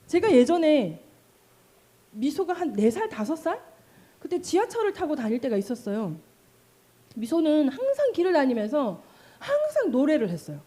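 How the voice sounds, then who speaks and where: A middle-aged woman pastor giving a sermon, telling stories with animated delivery and asking the congregation questions. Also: high-pitched, moderate pace, pauses often. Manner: animated storytelling, acting out cries and calls.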